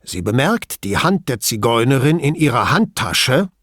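The man narrating this audiobook gives a pompous police chief a husky, slightly bright voice with big leaps in pitch, hammering every point indignantly. He speaks at a moderate pace, and the recording is close and dry, without echo.

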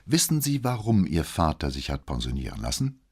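A calm, probing police commissioner, read by a man who asks measured questions. The voice sits very low with a husky grain. It belongs to an audiobook interrogation scene. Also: full character voice.

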